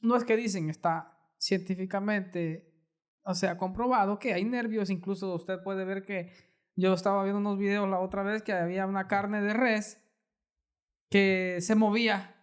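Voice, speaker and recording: A podcast host, chatting casually with a guest, hedging and adding quick asides. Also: mid-range voice, fairly even intonation, smooth. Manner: conversational, hedging, fast asides. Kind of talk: casual interview chat.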